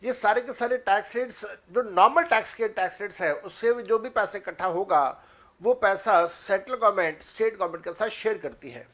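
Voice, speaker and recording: Indian tax lecturer, Hindi-English mix. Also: male voice, high-pitched, fairly bright tone. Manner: mixes Hindi and English, many filler pauses; reads legal text slowly, then explains quickly. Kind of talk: exam prep lecture.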